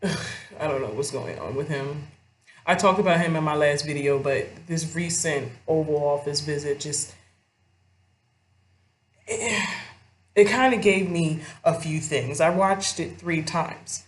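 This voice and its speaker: A woman's voice: deep voice, unhurried, a little hiss or hum. A young woman giving casual commentary to her viewers, rambling and swearing freely as she talks straight to them. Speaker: vlogger. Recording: roomy echo.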